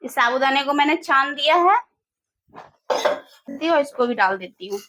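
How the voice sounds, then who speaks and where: High bright-voiced woman cooking at home. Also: animated, a little slow, slight background noise. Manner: chatty, scolds her kids mid-cooking. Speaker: cooking vlogger and mother. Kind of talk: casual cooking vlog narration. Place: home kitchen.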